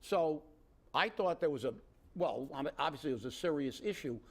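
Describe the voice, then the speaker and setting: In brisk, lively tones and a slightly high voice, a male co-host of a local political talk show vents his opinions in casual political chat. He's indignant and sarcastic, rambling along with frequent restarts.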